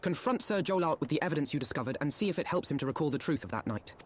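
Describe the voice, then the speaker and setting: A man's voice: on the high side, expressive, rapid-fire, slight background noise, natural voice. An actor playing an earnest young male scholar diplomat who speaks in formal, archaic game dialogue. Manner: formal, eloquent, archaic phrasing. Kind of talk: game voice acting.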